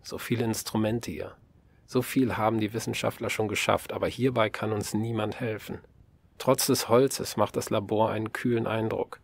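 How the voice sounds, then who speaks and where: A man narrating a first-person story in a calm, measured way, as in an audiobook. His voice sits fairly low. The recording is close and dry, with no room sound. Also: vocal fry, dry recording.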